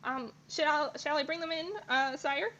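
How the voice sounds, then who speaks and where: A woman's voice: sits high, steady tone, unhurried, sharp tone, heavily acted. A woman playing an eager young peasant boy who stumbles nervously through announcements. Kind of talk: improvised comedy acting. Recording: dull lo-fi recording, faint noise.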